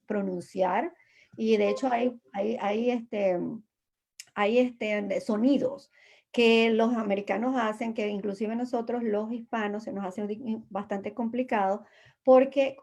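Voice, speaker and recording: A woman's voice: mid-range voice, gravelly, mellow, highs cut off. A woman immigration lawyer giving patient, reassuring explanations as an interview guest, with many fillers and restarts.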